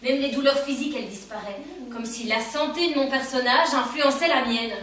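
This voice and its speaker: Actress playing a blunt, high-voiced young woman. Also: a little fast, a bit bright. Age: young adult. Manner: blunt, slangy. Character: disillusioned young woman, drama student. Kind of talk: stage comedy performance. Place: theatre stage. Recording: roomy stage sound from far off.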